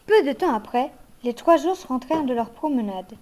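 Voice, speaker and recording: A woman reading a children's fairy tale aloud in a gentle, measured way. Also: high-pitched, animated. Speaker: narrator.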